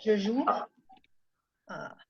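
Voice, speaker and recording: A woman's voice: medium pitch, animated, extremely slow, darkish tone, slightly rough. A woman with a Mexican accent teaching a French class in Spanish, often checking that students follow. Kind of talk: online class lecture. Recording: muffled lo-fi audio.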